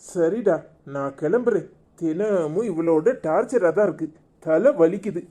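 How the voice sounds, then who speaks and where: A man's voice: on the high side, measured pace, mellow. A man voicing a short-tempered, exasperated office boss in a cartoon, with a Tirunelveli Tamil accent and a scolding, fed-up way of talking.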